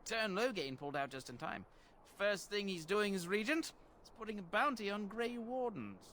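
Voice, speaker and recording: An actor playing a sly bandit leader who extorts travelers with a fake toll, sarcastic and scheming. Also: male voice, sits high, expressive, moderate pace, pushed and bright, a little hiss or hum. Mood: groveling. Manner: sly, sarcastic, then groveling.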